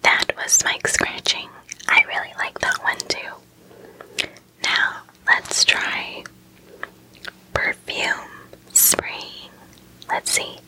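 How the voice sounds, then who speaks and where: A woman hosting a podcast, speaking in a soft ASMR whisper and repeating words slowly. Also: low-quality recording. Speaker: podcast host.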